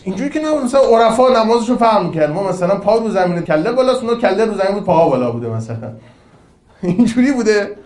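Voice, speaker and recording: A man with a fairly high voice gives an informal religious talk. He speaks in a lively, conversational way, with quips and rhetorical questions. The sound is roomy and echoey. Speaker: cleric lecturer.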